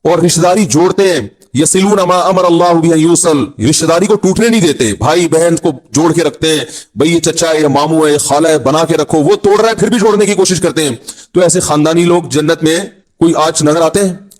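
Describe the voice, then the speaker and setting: A middle-aged Islamic preacher with a Pakistani Urdu accent gives a sermon in a slightly high, somewhat mellow voice at a slightly fast pace. He blends teaching with humorous asides, often mimicking the people he describes in low mock voices.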